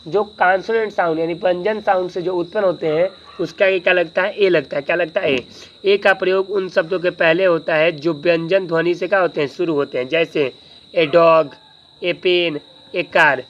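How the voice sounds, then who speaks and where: A man's voice: high voice, fairly even intonation, normal speed, fairly bright tone, dull audio, slight background noise. A male teacher giving a grammar lesson, who keeps asking the class questions and answering them himself, with joking asides.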